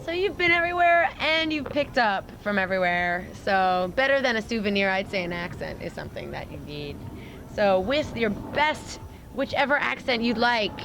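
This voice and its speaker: A woman's voice: medium pitch, expressive, moderate pace, creaky, a bit bright, slight background noise. A woman from New York interviewing a guest, chatty and prompting with loose phrasing. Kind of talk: casual interview.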